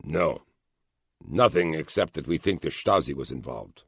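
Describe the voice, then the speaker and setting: A German intelligence officer, a man who leans in and keeps his voice low and confidential, as a narrator plays him. The voice is extremely deep with a gravelly edge, and it reads as an audiobook thriller scene. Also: expressive, unhurried, a bit bright, dry recording, clean studio sound, heavily acted. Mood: confiding.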